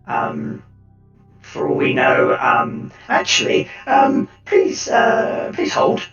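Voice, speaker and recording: Guy doing a voice changer filtered hooded augmented dude, gravelly, halting, roomy and far off, dull sound. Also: fairly high pitch, big pitch swings, a bit bright, heavily acted. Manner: halting, hesitant, full of fillers. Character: hooded augmented man with a mechanical voice unit. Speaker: tabletop game player. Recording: echoey, distant, dull with music.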